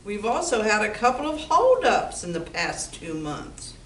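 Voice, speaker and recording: Very animated yet unhurried, a woman's slightly bright mid-range voice plays a wry, practical bar owner with a dry, businesslike manner. This amateur stage comedy radio play acting is heard from far away in an echoey room, with noise in the background.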